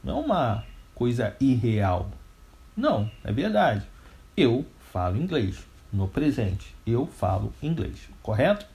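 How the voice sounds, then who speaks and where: A man's voice: medium pitch, big pitch swings, slow pace, creaky, warm tone. A man with a Brazilian Portuguese accent teaching an English grammar lesson step by step, asking questions and answering them himself. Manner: didactic, step by step.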